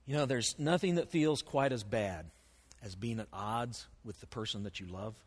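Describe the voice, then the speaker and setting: A male pastor preaching a sermon, animated, acting out voices and dropping into hushed asides. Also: mid-range voice, normal speed. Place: church sanctuary. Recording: long reverb of a large hall.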